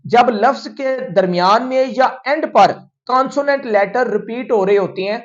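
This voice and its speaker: A male English teacher going through a poem line by line, explaining each example in a steady, methodical way and slowing down for definitions. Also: extremely high pitch, muffled recording. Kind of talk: line-by-line poem analysis lesson.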